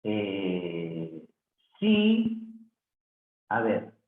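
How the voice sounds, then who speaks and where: Slow, patient male teacher on tinny audio. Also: low-pitched, wildly swooping pitch. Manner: slow, patient, repeats answers aloud. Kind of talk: grammar review lesson. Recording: echoey, phone-like lo-fi audio.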